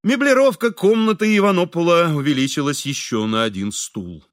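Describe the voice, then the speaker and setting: A man narrating an audiobook with expressive storytelling, his voice set high for a man and moving lively up and down. The sound is bright and completely dry, close to the mic. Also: moderate pace, no echo. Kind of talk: scripted narration.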